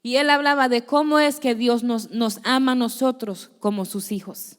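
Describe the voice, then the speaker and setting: High-voiced woman preaching in a hall. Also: steady tone, moderate pace, smooth. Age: young adult. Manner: earnest storytelling, acting out dialogue. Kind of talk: testimony sermon. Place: church.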